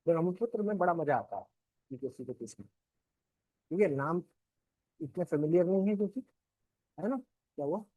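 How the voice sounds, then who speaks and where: This geography lecture comes from a male teacher with an Indian Hindi accent whose voice is a little high, husky and warm, animated, at normal speed with frequent pauses. He works through the material step by step, checks on his students and puts questions to them. It's a dry, dull lo-fi classroom recording without room sound.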